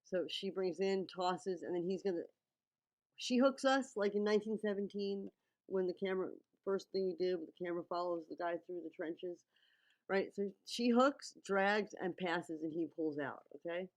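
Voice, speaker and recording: Female commentator, slightly low register, informal analytical delivery with a teacherly habit of checking in. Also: moderate pace, low-quality recording. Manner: teacherly, checks in with okay and right. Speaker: video commentator breaking down a music video. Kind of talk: casual running commentary and film analysis.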